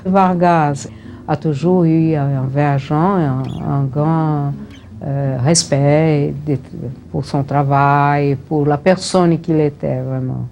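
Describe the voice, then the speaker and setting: A woman interviewee recalling the past, haltingly, repeating words as she searches for her phrasing. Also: low voice, fairly even intonation. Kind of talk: spoken recollection in interview.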